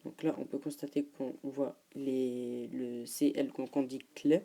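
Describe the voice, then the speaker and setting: A woman giving a hesitant class presentation, reading from notes with frequent filler pauses. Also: very deep voice, flat delivery, warm tone. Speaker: student presenter. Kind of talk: read-aloud class presentation.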